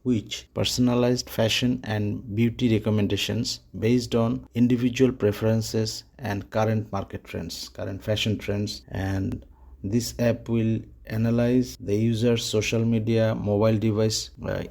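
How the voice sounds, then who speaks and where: A man's voice: lowish voice, flat delivery, unhurried, vocal fry, a little mellow. A man in his thirties from Bangladesh, presenting a market research report as a plain list-like walkthrough, often correcting himself as he goes. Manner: plain, list-like delivery with frequent self-corrections.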